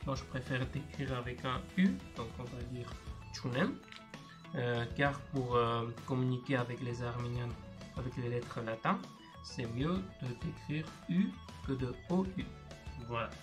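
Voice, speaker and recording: A man's voice: mid-range voice, a little slow, music in the background. A man teaching a video language lesson, explaining step by step and patiently repeating words for learners.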